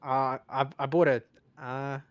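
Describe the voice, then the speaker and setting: A man chatting casually on a podcast, rambling and haltingly repeating words as he thinks aloud. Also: mid-range voice, flat delivery, highs cut off. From lives in Australia. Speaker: podcast panelist.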